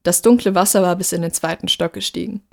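A woman narrating a story in a steady, measured reading voice. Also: lowish voice, vocal fry.

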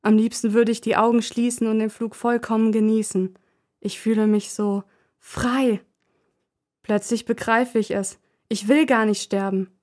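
A woman narrating a first-person story in a calm, measured reading voice. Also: a little high.

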